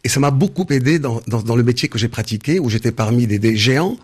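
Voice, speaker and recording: A man in his sixties from Senegal, answering interview questions in a measured way with frequent hesitations and restarts. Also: mid-range voice, expressive, husky. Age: 60s. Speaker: interview guest, business founder.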